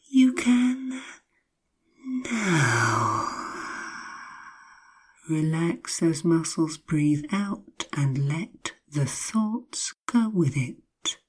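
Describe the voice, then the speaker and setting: In a low, breathy voice, a woman tells a sleep hypnosis piece styled like a bedtime story. She speaks extremely slowly, leaving long pauses and stretching out repeated phrases. Her tone remains hushed and calming, frequently dropping to a whisper.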